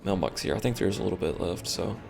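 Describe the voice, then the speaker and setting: A man's voice: sits low, fast, creaky, music in the background. A tired man streaming a game, rambling and thinking aloud with lots of fillers as he comments casually.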